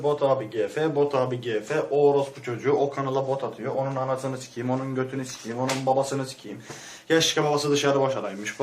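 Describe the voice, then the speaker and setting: A man's voice: fairly high pitch, a little hiss or hum. A man giving a rambling, crude, mock-serious comic rant, short of breath and muffled by a mask. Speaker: vlogger.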